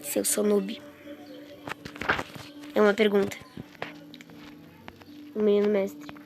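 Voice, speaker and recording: A woman chatting excitedly and with exasperation to her viewers while commenting on a game she is playing. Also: mid-range voice, slow pace, vocal fry, music in the background. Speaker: gaming streamer. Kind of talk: casual gameplay commentary. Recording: noisy with clicks.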